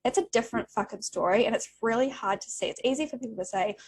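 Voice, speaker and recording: A woman's voice: on the high side, quick pace, a little hiss or hum. A woman hosting a podcast, talking candidly and encouragingly in casual chat with plenty of swearing. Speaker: podcast host.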